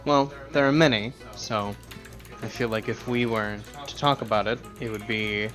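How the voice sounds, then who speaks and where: A man voicing a calm, knowing male desert caravan guide in a tabletop game, over a voice call. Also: on the low side, normal speed, faint music behind, natural voice. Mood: calm warning.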